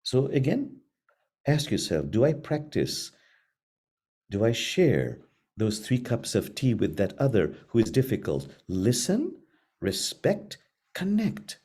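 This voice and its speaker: A middle-aged man teaching a spiritual class, speaking slowly and earnestly with repeated phrases and long pauses. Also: medium pitch, wildly swooping pitch, a little mellow, slightly rough. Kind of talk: gentle spiritual class talk.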